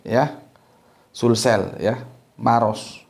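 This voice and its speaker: This man's voice is mid-range and darkish, with vocal fry, fairly even intonation, and an extremely slow pace. A religious teacher from Sumatra, Indonesia, he gives a relaxed, informal lecture, often restarting and tacking a short "ya" onto his sentences.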